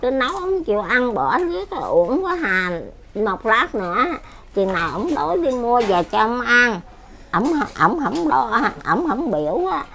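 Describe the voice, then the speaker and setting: A woman's voice: a little high, very animated, normal speed, creaky, fairly bright tone. An older woman with a Southern Vietnamese accent, rambling and repeating herself as she complains about her life. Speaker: elderly widow being interviewed. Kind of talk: casual chat.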